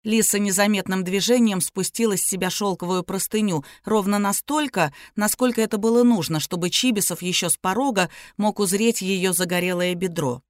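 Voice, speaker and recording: A woman reading an audiobook in measured, even narration. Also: medium pitch, no echo, studio quality. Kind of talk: scripted narration.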